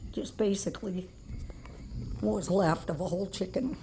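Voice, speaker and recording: A woman's voice: mid-range voice, moderate pace, background noise. A woman talking casually and affectionately to animals in a folksy way, as if filming at home.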